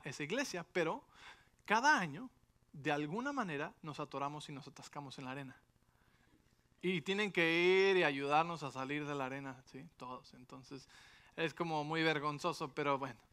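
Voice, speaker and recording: A man's voice: on the high side, moderate pace, clean tone. A middle-aged man, a pastor telling a personal story in a sermon and checking in with his listeners often. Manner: animated storytelling with frequent rhetorical asides.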